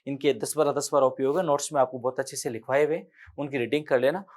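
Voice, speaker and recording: A man's voice: medium pitch, fairly even intonation, quick pace. A man with a Rajasthani accent teaching an exam-prep chemistry lecture, explaining step by step, counting aloud and correcting himself as he writes on the board.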